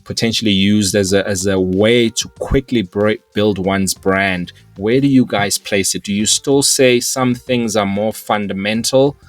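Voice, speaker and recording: A man's voice: lowish voice, a little slow, hardly any pauses, no echo, faint music behind. A man hosting a business podcast, asking long, rambling questions with many restarts. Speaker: podcast host. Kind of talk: casual interview talk.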